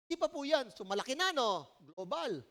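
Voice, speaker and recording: A woman with a Filipino accent preaching a sermon at a church service in a conversational, animated way, often checking in with the listeners. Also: high-pitched, normal speed. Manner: conversational, animated storytelling, frequent "po" and "no?".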